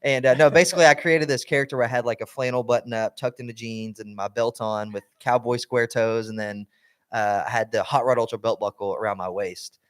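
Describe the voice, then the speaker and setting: A man's voice: medium pitch, steady tone, a little fast, a bit bright. A young man co-hosting a podcast in casual chat, rambling with lots of fillers and restarts. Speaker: podcast co-host.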